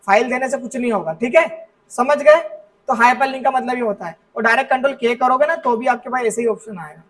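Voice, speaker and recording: A man's voice: extremely high pitch, quick pace, a bit bright, recorded from a distance, poor audio. A man teaching a computer class step by step to students in a classroom, often checking that they follow along. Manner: explains step by step, often checks understanding with "ठीक है". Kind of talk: classroom software lesson.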